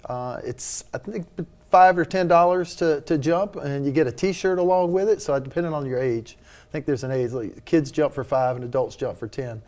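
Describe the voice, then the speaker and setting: A man's voice: a little high, moderate pace, darkish tone. A man speaking as a charity leader and interview guest, informal and earnest. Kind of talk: casual spoken interview.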